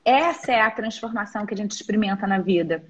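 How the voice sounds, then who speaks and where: A woman in her forties with a Brazilian Portuguese accent, a therapist speaking as a guest in a live-stream interview. She explains earnestly and haltingly, with many restarts. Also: mid-range voice, husky, dull audio. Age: 40s. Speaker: guest therapist and teacher of energetic alignment.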